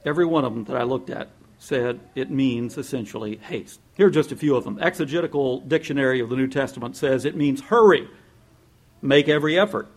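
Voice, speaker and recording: Delivering a sermon a little fast, a pastor addresses his congregation in a casual, conversational voice pitched in the middle range. He often laughs and mimics the people he quotes playfully, building energy as he encourages his listeners.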